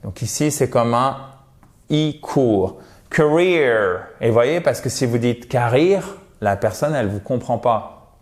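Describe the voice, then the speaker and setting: A man teaching English pronunciation in a video lesson, encouraging and talking straight to his viewers. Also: mid-range voice. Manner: slow, drawn-out English model words; encouraging, addresses viewers directly.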